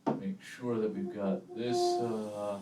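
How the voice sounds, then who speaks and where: A man's voice: on the low side, huge pitch swings, a little slow, loud music behind the voice. A man teaching a math lesson at a chalkboard, explaining step by step in a casual way, with chalk scratching and clicking behind him. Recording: echoey room, distant mic, background noise.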